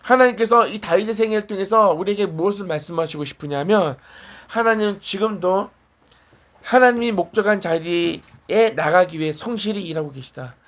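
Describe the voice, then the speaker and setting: A man's voice: sits high, a little fast, a bit bright. A man preaching a sermon in a small church, conversational and asking the congregation questions and answering back.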